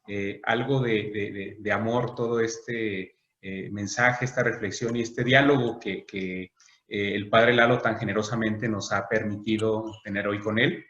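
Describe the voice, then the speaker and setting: A man's voice: on the low side, steady tone, a little slow, fairly bright tone. A man hosting an online talk who speaks hesitantly, with many fillers and restarts. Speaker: host. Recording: dull echoey room sound.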